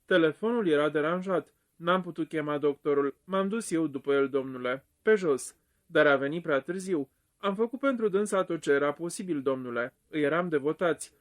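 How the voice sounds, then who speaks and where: A man voicing a nervous, servile butler in an audiobook, speaking low and respectfully. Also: lightly acted. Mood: pleading. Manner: low, respectful, keeps saying sir. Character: nervous middle-aged male butler, servile.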